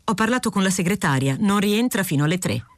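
A woman's voice: medium pitch, animated, fast, no echo, studio quality, voice pushed up, natural voice. Woman voicing a fretful print-shop foreman. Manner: fretful, cautious, rule-bound. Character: anxious fussy male print-shop foreman.

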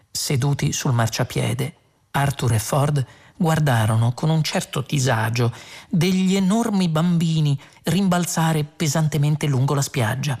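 A woman narrating an audiobook with expressive, dramatic storytelling. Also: sits low. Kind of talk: audiobook reading.

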